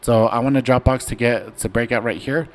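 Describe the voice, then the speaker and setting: A man's voice: medium pitch, fairly even intonation, fairly quick. A young man hosting a casual trading livestream, talking loosely with lots of fillers and slang. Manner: laid-back, rambling, slangy with many fillers. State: hiccuping. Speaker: stock trading stream host. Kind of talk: casual livestream chart talk.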